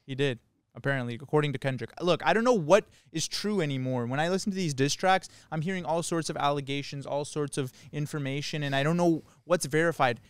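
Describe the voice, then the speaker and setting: A man's voice: a little high, quick pace, smooth, dry recording. A young man chatting casually as a podcast host, telling stories in slangy, exclamatory bursts. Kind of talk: casual joking podcast storytelling.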